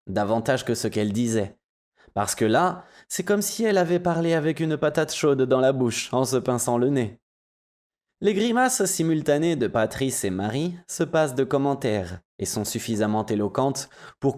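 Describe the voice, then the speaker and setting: A man narrating an audiobook in a measured storytelling manner. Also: medium pitch, a little mellow.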